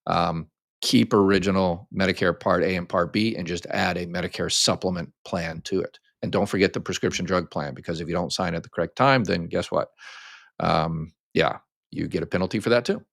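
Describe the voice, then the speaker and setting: An older American man with a very low, deep voice talks through viewer questions in a relaxed, rambling way. He fills his explanations with ums and restarts. The sound is close and dry, with little room echo. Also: fairly quick, vocal fry. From United States. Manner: casual, explains step by step with many ums and restarts. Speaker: host answering viewer questions. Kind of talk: live Q&A chat.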